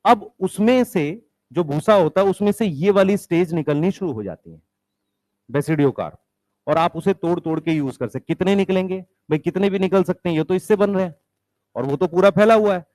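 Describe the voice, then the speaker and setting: A man's voice: sits high, expressive, moderate pace, a little mellow, no room sound. A male biology teacher lecturing a class, mixing English science terms into Hindi, asking questions and answering them himself, and calling for the students' attention.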